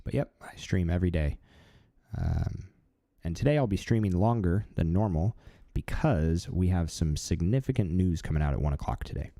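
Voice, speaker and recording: A man in his thirties hosting a live stream, talking in a relaxed, chatty way with lots of fillers. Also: deep voice, normal speed, dry recording, studio quality. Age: 30s. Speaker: livestream host. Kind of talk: casual live-stream chat.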